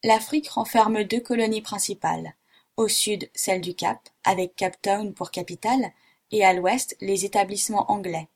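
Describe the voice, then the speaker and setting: A grave young boy pupil reciting his answers calmly and flatly, as a woman reads him. Husky, breathy tone at a middle pitch, storybook style. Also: moderate pace. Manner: calm, matter-of-fact recitation.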